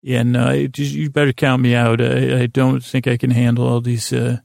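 An American podcast host with a gravelly, creaky, somewhat dark voice at middling pitch delivers a meandering bedtime monologue, halting, doubling back on his words, and drifting into tangents. His tone stays level, and the recording is close and dry with no echo.

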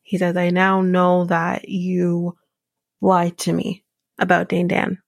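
Slow, gravelly-voiced opinionated woman. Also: on the low side, monotone, no echo. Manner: opinionated, chatty, frequent "like" and "um", laughs at her own asides. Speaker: podcast host recapping a reality show. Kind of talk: casual chat.

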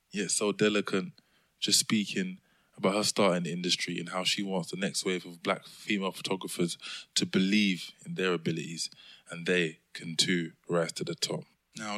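Man, podcast host, very low pitch, effusive, slangy, lively intros. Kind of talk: podcast hosting and narration.

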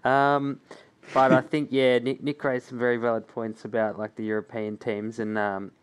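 A man on a podcast panel, chatting casually in a hesitant, measured way. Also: medium pitch, little pitch movement, smooth. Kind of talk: casual chat.

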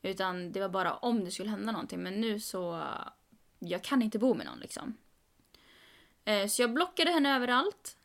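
Animated young woman with a gravelly edge. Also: medium pitch. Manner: animated, quoting others with "jag bara" and rising emphasis. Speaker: podcast co-host. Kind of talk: casual storytelling chat.

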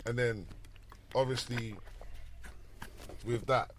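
A man's voice: mid-range voice, fairly even intonation, slow, background noise. A man with a South London roadman accent, telling stories casually in street slang and often tagging lines with "you get me". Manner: roadman way of talking with frequent "you get me" tags. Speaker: interview guest, former garage MC and rapper.

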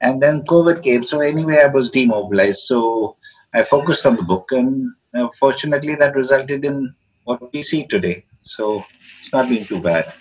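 A man's voice: mid-range voice, slightly rough. Man, 70s, posh Indian English accent, hesitant reflective interviewee, dull lo-fi audio. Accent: educated upper-class Indian English. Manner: halting, hesitant, searching for words. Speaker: interviewed author. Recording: dull, muffled lo-fi call audio.

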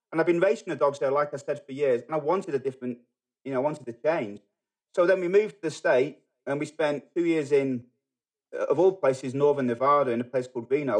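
A middle-aged man from England with a Manchester accent, talking as a podcast guest in a halting way, full of fillers and restarts. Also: medium pitch, darkish tone. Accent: Manchester English. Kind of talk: casual podcast conversation.

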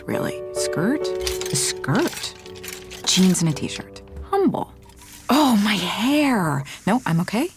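In an audio drama, a woman with a medium-pitched voice and some vocal fry plays an anxious wife getting ready for an adoption home visit. She keeps apologizing and talks herself through things.

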